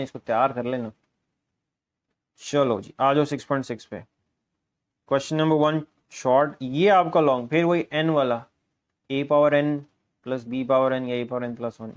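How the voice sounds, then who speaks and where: A brisk, encouraging man leading a math lesson, his talk tinged with a Punjabi-influenced Urdu accent. His voice sits at an ordinary male middle pitch, and he ticks through question after question with quick repetition. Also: highs cut off. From Pakistan. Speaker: math teacher. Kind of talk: exam guess paper walkthrough.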